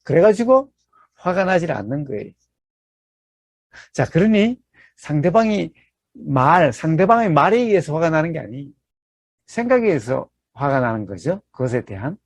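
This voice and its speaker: A man's voice: fairly high pitch, very animated, moderate pace, long pauses, no room sound. A man giving a Buddhist dharma talk as a meditation teacher. He explains step by step, poses rhetorical questions and keeps checking in with his listeners.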